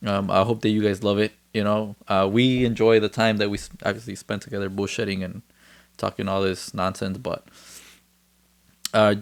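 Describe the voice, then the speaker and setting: Gravelly-voiced man hosting a casual podcast. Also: lowish voice. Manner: laid-back, swears freely, jokey. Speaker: podcast host. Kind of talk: casual chat.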